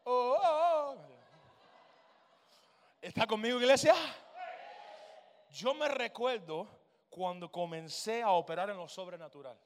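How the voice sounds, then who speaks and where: A pastor preaches in a church sanctuary, his voice unusually high and gravelly with a rough fry. He swells into shouted, rising crescendos. A long reverb from the hall trails behind him. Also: lively intonation, normal speed, long pauses. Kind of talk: charismatic sermon.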